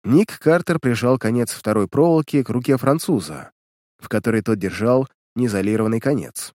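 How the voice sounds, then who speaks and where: A man's voice: mid-range voice, expressive, a little fast, darkish tone, dry recording, studio quality. A man reading a pulp detective story aloud as an audiobook narrator, telling it with animation.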